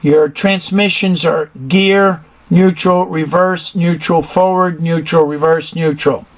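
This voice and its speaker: A man's voice: fairly high pitch, fairly even intonation, takes it slowly, rough recording. A man teaches like a hands-on instructor. He explains technical details step by step and puts questions to his learner as he goes. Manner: methodical, quizzes the learner. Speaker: instructor giving an engine room tour.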